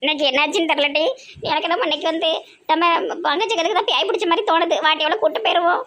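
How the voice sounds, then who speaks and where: A woman playing a bossy, quick-tempered village elder sister in a comedy skit, with a Tirunelveli Tamil accent and blunt, threatening banter. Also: very high-pitched, fairly even intonation, a bit bright, a little hiss or hum. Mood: puzzled.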